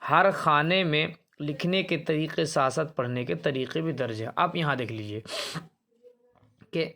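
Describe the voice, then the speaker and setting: Male teacher, slightly higher voice, patient explainer who drags out example words and answers his own questions. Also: gravelly, pushed and bright. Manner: explanatory, repeats words slowly to demonstrate, asks and answers himself. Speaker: Quran reading teacher. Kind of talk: explaining a lesson on a primer chart.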